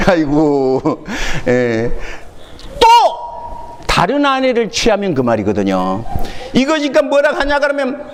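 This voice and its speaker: A man's voice: a little high, wildly swooping pitch, takes it slowly, long reverb tail. A man preaching a sermon as pastor, speaking with a Jeolla accent and telling stories with humor, quizzing his congregation and laughing along. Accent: Jeolla dialect. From Jeolla region, Korea. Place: church sanctuary.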